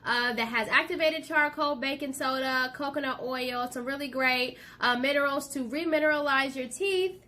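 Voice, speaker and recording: A woman's voice: high voice, moderate pace, hardly any pauses, pushed and bright, a little hiss or hum. A woman co-hosting a casual chat about her products and foods, talking in a loose way with lots of "um" and "like". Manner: chatty, full of "um" and "like" fillers. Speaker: co-host and small business owner.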